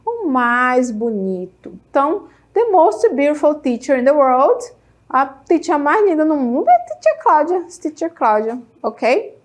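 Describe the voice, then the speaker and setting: Middle-aged Brazilian woman, English teacher, Brazilian Portuguese accent, slightly high voice, encouraging, slow and clear on example words. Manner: lively and encouraging, checks in with "tá?" and "ok?"; says English words slowly and clearly for students to follow. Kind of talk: televised classroom lesson.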